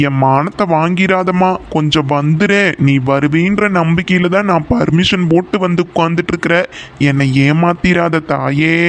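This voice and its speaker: A high-pitched male voice for a nervous, smitten young working man in a village cartoon, played by a man. He speaks with a Kongu Tamil accent, fretting and coaxing in a soft pleading way. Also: lightly acted. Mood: worried. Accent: Kongu Tamil (Coimbatore). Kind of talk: cartoon voice acting.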